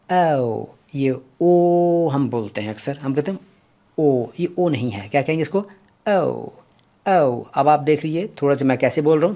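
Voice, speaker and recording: A man teaching English pronunciation, who says each sound slowly and repeats it several times for his learners. He speaks politely and encourages them to listen closely. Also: fairly high pitch. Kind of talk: explanatory language lesson.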